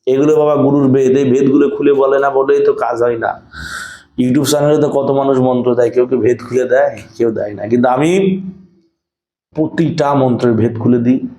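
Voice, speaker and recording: A man teaching tantric mantras in an emphatic, preaching way, slowing down to chant them. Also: mid-range voice, fairly even intonation, dark tone, reverberant, low-quality recording. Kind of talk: instructional talk with chanted mantras.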